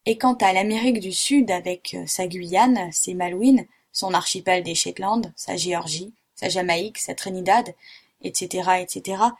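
A woman playing an excitable French geographer. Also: lowish voice, moderate pace. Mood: excited. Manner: exclamatory, theatrical outbursts. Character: excitable middle-aged male French geographer.

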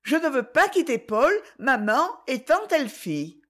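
A woman's voice: sits high, very animated, measured pace, voice pushed up, heavily acted. Jacques, a woman doing a firm young boy.

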